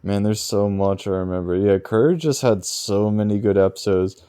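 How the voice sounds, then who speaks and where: A man with a low, mellow voice co-hosts a cartoon review podcast. His talk is loose and joking, full of fillers. The sound is dry and close. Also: moderate pace, clean tone, dry recording. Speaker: podcast co-host. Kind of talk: casual chat.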